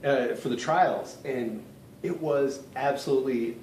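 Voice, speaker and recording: A man's voice: medium pitch, a little slow, darkish tone, far from the mic. A man co-hosting a podcast in casual chat, talkative, often stumbling and repeating words. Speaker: podcast co-host. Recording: roomy, a bit off-mic, faint noise.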